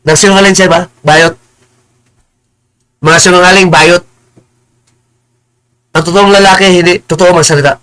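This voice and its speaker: A man with a bright, sharp voice rants on a live stream. He is combative and insulting, stammers and repeats words, and now and then slows into preachy English phrases. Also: high-pitched, steady tone, poor audio. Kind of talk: heated live-stream rant.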